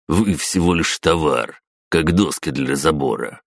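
A man's voice: very deep voice, unhurried, creaky, no room sound, clean studio sound, heavily acted. A man voicing a hulking, vicious male guard who mocks and snarls at his captives. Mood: sneering. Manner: mocking, snarling.

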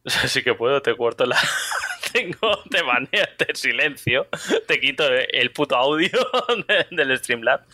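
A man co-hosts a casual podcast, talking fast with frequent laughter. His voice is strikingly bright and sharp. It sounds close and dry, with no room echo. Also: animated. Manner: rapid, laughing, acts out friends in a high voice. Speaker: podcast co-host.

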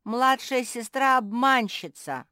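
A woman doing a shrill bossy pug girl. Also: expressive, slow pace, no room sound, studio quality, heavily acted. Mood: teasing. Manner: shrill, teasing, shouting. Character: loud bossy young female pug sister.

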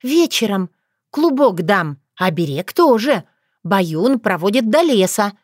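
A woman voicing an earnest young witch girl who exclaims and pleads in a raised, high voice. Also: big pitch swings, slow pace, dry recording, clean studio sound. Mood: eager.

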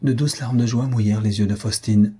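A man narrating a nineteenth-century novel as an audiobook, measured and expressive. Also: fairly low pitch, husky. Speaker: audiobook reader.

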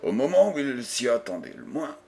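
A man reading a novel aloud as an audiobook narrator, measured and deliberate. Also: medium pitch, very animated, vocal fry, warm tone. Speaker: audiobook reader.

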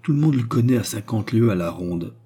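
A man's voice: on the low side, expressive, fairly quick, mellow, slightly rough. A man doing a chatty young peasant lad. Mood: earnest. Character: talkative good-natured young male Russian peasant.

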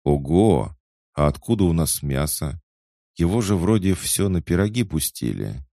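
A man's voice: low-pitched, lively intonation, unhurried, vocal fry, mellow, no room sound, clean studio sound, pitched above the performer's own voice, exaggerated voice. A man voicing a curious, easygoing young boy hero in an audiobook, speaking plainly and directly.

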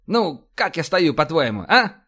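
A man doing a shrill, yelping, swearing admiral. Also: very animated, unhurried, sharp tone, slightly rough, heavily acted. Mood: agitated. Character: hot-tempered swearing male police vice-admiral.

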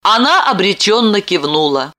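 A woman narrating an audiobook in a bright, clear voice. Her pitch rises and falls in a lively way, and she reads with plenty of expression. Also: moderate pace. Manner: lively, voices characters' lines.

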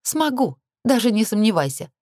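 A woman voicing a defiant, sharp-tongued young heroine who makes mocking retorts. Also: medium pitch, big pitch swings, moderate pace, no room sound, studio quality, pitched above the performer's own voice.

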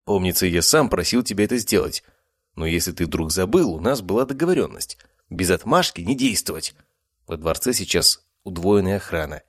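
A man's voice: low-pitched, expressive, a little fast, dry recording, clean studio sound. A man voicing a firm, caring young nobleman hero who scolds his companions in an audiobook.

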